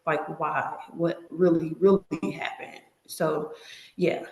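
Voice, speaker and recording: A woman's voice: deep voice, fairly even intonation, slow pace, gravelly, darkish tone, lo-fi sound. A young woman chatting casually as a podcast guest, her voice echoing around an empty apartment room. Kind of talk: casual conversational interview. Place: empty, newly moved-into apartment.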